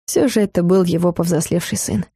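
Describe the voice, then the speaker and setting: A woman narrates a novel in an even, measured way. Her voice is low and dark. The recording is close and dry, with no room sound. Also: breathy edge, no echo. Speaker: audiobook narrator. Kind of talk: scripted audiobook narration.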